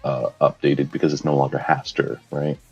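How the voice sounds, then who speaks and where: A man's voice: very deep voice, little pitch movement, normal speed, vocal fry, a little mellow, slightly rough. A man chatting casually and teasing his friend about a character, with joking asides. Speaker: co-host, character owner. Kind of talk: casual chat. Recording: dull lo-fi mic, faint music.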